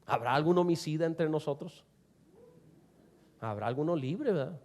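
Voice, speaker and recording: A man preaching a sermon to a congregation, asking them rhetorical questions and swinging between loud and soft. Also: a little high, moderate pace. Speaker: pastor.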